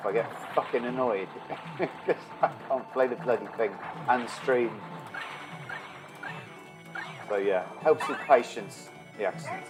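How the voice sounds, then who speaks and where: A man's voice: mid-range voice, rough recording. A man streaming a game from his bedroom, chatting casually, swearing a lot and grumbling at the game. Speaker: gaming streamer. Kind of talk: casual gameplay commentary. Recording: game music playing underneath. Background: game music.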